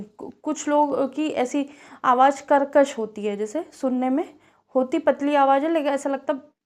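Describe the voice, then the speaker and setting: A woman teacher with a Kanpur Hindi accent, giving a classroom physics lesson and explaining step by step, repeating key words and pausing on fillers. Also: sits high, a little mellow. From India.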